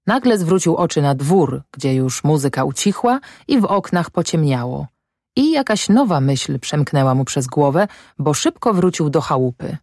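A woman reads a classic novel aloud for an audiobook, in a steady, measured storytelling voice. Her voice sits low, and the recording is close and dry, with no room echo. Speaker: audiobook narrator.

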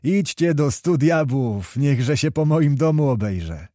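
A man voicing a boisterous, hot-tempered young nobleman who shouts and swears. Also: fairly high pitch, animated, slow pace, no echo, studio quality, voice pushed up. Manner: loud exclamations, swearing oaths.

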